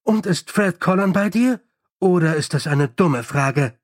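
A man reading an audiobook and voicing a brisk, commanding young female sergeant giving orders. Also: high-pitched, lively intonation, no room sound, clean studio sound.

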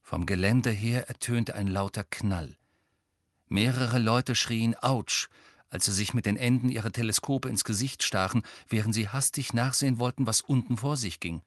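A man narrating an audiobook in an expressive reading. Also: medium pitch, dry recording, studio quality. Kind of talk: scripted narration.

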